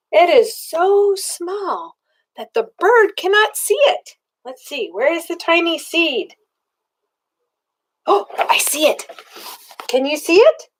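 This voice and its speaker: The audio is poor, but an older woman's high-pitched voice comes through as she reads a children's storybook aloud in a grandmotherly way. Her reading is expressive, with simple questions pitched for a small child.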